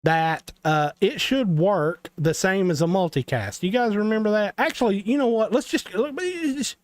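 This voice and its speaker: A man's voice: high voice, animated, moderate pace, no room sound. Rambling Southern man teaching game dev. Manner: rambling, talks to viewers, self-deprecating asides. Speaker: game development tutor. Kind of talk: casual livestream tutorial.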